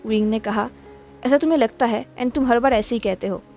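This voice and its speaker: A woman reading a fan fiction aloud as storytelling narration, at an even pace and without separate character voices. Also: fairly high pitch, fairly quick, faint music behind.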